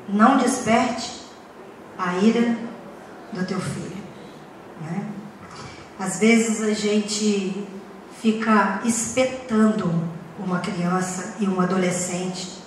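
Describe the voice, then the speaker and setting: A woman giving a talk to parents, speaking emphatically with rhetorical questions and humorous anecdotes. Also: fairly high pitch. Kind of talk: lecture to parents. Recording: echoey hall, distant mic, faint noise.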